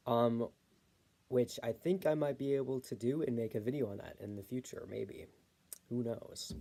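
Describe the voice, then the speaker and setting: A man talking through a how-to video in a loose, hesitant way, full of fillers and small corrections. His voice is mellow and dark, at an ordinary middle pitch. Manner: rambling, hesitant, many fillers, corrects himself. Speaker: self-published author giving a tutorial. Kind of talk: casual unscripted tutorial.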